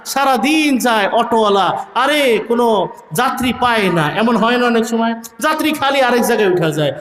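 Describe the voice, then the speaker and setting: A man preaching a sermon, calling out loud peaks and singing some phrases in a rhythmic delivery. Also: high voice, echoey room, slight background noise. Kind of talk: Bengali waz sermon.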